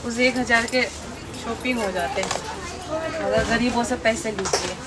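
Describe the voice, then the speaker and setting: A young woman from Arunachal Pradesh talks into a handheld phone camera with a high, lively voice. She sounds indignant and chatty as she mixes English phrases into her talk. Traffic and shop noise come through clearly behind her. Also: moderate pace. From Arunachal Pradesh, India. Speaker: vlogger. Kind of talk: casual vlog narration. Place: outdoors and in a supermarket.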